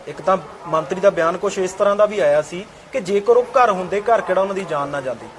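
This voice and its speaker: A man hosting a TV interview show, presenting in a measured way with small hesitations. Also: sits high, slight background noise, low-quality recording. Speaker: TV talk show host.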